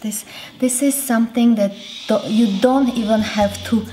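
A woman in her thirties with an Armenian accent, hosting a casual cooking demonstration in chatty, self-correcting, halting English. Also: fairly high pitch, steady tone, warm tone, a little hiss or hum. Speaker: cooking show host. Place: roomy home kitchen, indoors. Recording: echoey kitchen with background music.

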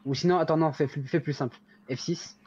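Playing a police commander in an online roleplay, a man chats casually and easygoingly in a fairly high, darkish voice that stays steady and runs a little fast. The audio is dull gamer voice chat with noise behind it.

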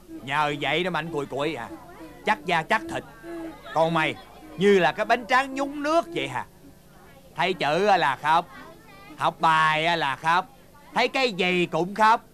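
An actor playing a fond old grandfather with a Southern Vietnamese accent, slowly chiding and teasing a grandchild in a film drama. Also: high-pitched, a bit bright. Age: older. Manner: slow, drawling and chiding. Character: doting old grandfather, gently scolding, fond.

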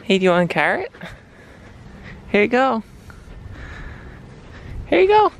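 A young sailing vlogger walks outdoors across an island farm and beach, casually filming a travel vlog on a handheld action camera and playfully chatting to animals. His voice is very high-pitched with wildly swooping pitch, a measured pace, and vocal fry. Slight background noise is present.

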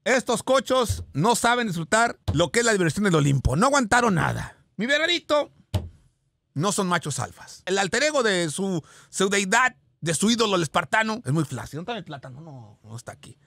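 Brisk, very animated and heavily acted, this man's high voice is pushed and bright with vocal fry and no room sound. As a radio host character posing as a boastful Spartan god, he theatrically teases and mocks a video while background hiss runs underneath.

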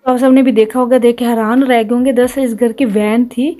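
A woman's voice: fairly high pitch, steady tone, brisk, warm tone. A woman in her thirties chatting casually as a home vlogger, laughing often as she talks. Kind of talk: casual vlog narration.

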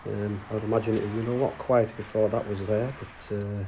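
A middle-aged man talks through his bike ride in a relaxed, rambling way, full of ums. He is recorded outdoors on a camera mic, with faint background noise behind him. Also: on the low side, fast. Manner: relaxed, many fillers. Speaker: bikepacking vlogger. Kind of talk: casual travel narration. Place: outdoors on canal towpath.

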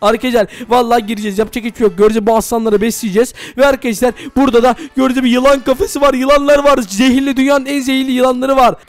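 High-voiced, fast-talking male game host. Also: no echo. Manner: energetic, addresses viewers constantly. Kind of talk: Minecraft role-play.

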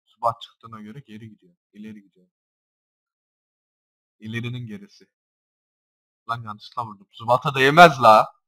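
A young man casually commenting on his own gameplay, swearing constantly and jumping between low mutters and loud shouts. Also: steady tone, normal speed, pauses often, low-quality recording.

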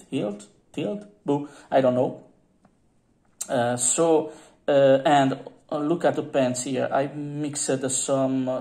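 A man showing off his painted figurines in a casual vlog, talking haltingly with many fillers and playful asides, filmed at his home hobby desk. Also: medium pitch, creaky, mellow. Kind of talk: casual show-and-tell vlog.

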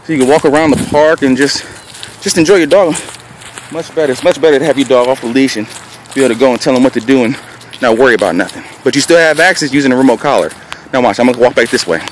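A man's voice: medium pitch, fast. A man filming himself in an open park, narrating dog training in a casual instructional way and calling out short, firm commands. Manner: calls out short firm commands between explanations. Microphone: handheld camera held by the speaker. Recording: noisy outdoor handheld camera audio. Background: outdoor ambient noise.

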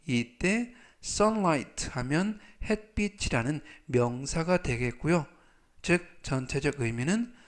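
A man teaches English vocabulary in a steady, scripted lesson. His voice sits a little high for a man. He speaks very slowly, drawing out each English word and repeating it before he explains it. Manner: reads English words slowly and repeats them, then glosses each in Korean.

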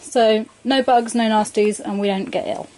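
A woman giving a relaxed, chatty tour of her sailboat, filling gaps with ums. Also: on the high side, normal speed, rough recording. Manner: chatty, relaxed, lots of ums and "bits and bobs". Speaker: boat owner giving a tour. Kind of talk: casual explanation. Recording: handheld camera with clear background noise.

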